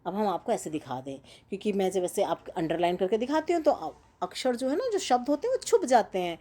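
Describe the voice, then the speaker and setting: A woman teaching a Sanskrit grammar lesson, chanting word forms slowly and carefully, with an encouraging sing-song manner. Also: medium pitch, big pitch swings, dark tone.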